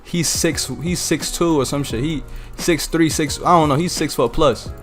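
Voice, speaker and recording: A man's voice: on the high side, moderate pace, fairly bright tone, faint music behind. An eighteen-year-old man streaming a game and telling a loose, slangy story full of "you feel me" asides. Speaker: streamer and content creator. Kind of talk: casual storytelling while gaming.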